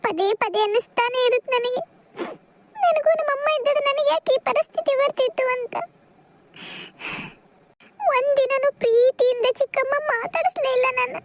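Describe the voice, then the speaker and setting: A gentle young village girl in a cartoon, soft-spoken and sorrowful, voiced by a woman. Her voice is very high and sits in a dry, close recording. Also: normal speed, pauses often, no echo. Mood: sad. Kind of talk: cartoon voice acting.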